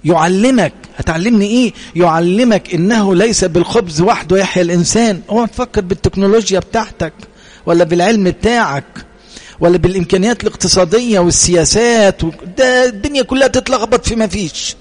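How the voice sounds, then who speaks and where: A man's voice: high-pitched, quick pace, a little mellow, big-room sound. A man with an Egyptian Arabic accent, a priest delivering a sermon. He asks the congregation rhetorical questions and then answers them.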